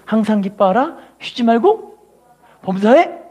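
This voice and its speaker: A woman's voice: fairly high pitch, sing-song, a little slow, mellow, husky. A middle-aged woman pastor telling a story in a sermon, acting out quotes and exclaiming hallelujah.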